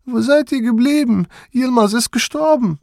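A man's voice: very high voice, normal speed, creaky, darkish tone, no echo, studio quality, voice pushed up. A man voicing a distraught, dramatic old grandmother who laments and exclaims. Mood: wailing.

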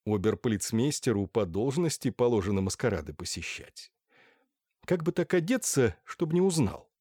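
A man voicing an excitable, jumpy young male painter in an audiobook. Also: mid-range voice, normal speed, no echo, studio quality. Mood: eager. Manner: eager, jumpy. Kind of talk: audiobook character voice.

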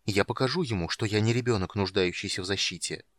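A man's voice: fairly low pitch, fast talker, a bit bright, no room sound. A man reading an audiobook, voicing an impassioned young male mage who speaks in a raised, strained, defiant way. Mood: quietly resolute.

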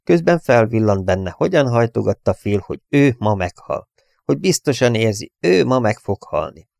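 A man reading an audiobook in a steady, measured storytelling manner. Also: mid-range voice, gravelly, no echo, clean studio sound. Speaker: audiobook reader. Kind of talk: audiobook narration.

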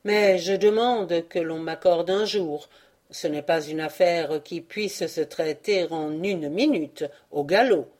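A woman's voice: fairly low pitch, takes it slowly, a little mellow. A woman reading aloud and voicing a humble old male Chinese gardener, deferential and imploring in a storybook. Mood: pleading. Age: older. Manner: deferential, imploring, bursts out in anguish.

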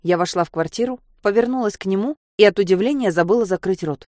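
A woman reading a first-person story as an audiobook, voicing the dialogue with lively shouts. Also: medium pitch, fast, no echo. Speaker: narrator.

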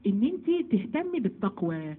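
A woman with an Egyptian Arabic accent teaching a Quran commentary lesson to women, lively and asking then answering her own questions. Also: mid-range voice, fast, slightly rough, narrow, tinny audio. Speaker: religious teacher.

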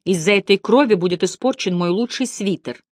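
A woman reading the part of a spirited, stubborn older woman in a lively, brisk, insistent way. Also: medium pitch, dry recording, clean studio sound, pitched above the performer's own voice, close to an everyday voice. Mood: wry.

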